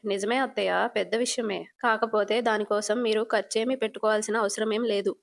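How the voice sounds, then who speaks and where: A woman's voice: mid-range voice, fairly even intonation, fast talker, gravelly, lightly acted. A woman voicing a hot-tempered but loving young man, reading his lines in her own everyday voice. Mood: reassuring.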